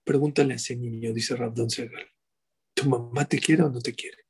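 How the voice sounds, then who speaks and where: Husky-voiced man preaching with rhetorical questions. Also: medium pitch, steady tone, normal speed. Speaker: rabbi. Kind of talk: sermon.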